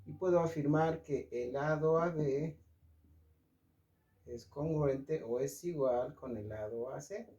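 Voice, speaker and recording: A man's voice: a little high, takes it slowly, dark tone, dull audio. A man teaching a casual online math lesson, joking and checking in with his students as he draws. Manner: chatty, jokey, asks "¿sí?" and "¿ok?" to check in.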